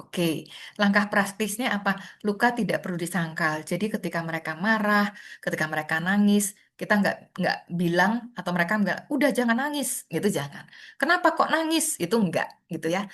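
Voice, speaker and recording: A middle-aged woman speaks in a fairly low voice, lecturing patiently over a video call. She explains step by step in a gentle, reassuring way and often adds small tags to check that listeners follow. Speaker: clinical psychologist speaker. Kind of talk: webinar lecture.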